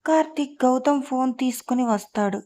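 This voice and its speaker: Woman storyteller reading a novel, mellow voice kinda high, steady. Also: normal speed.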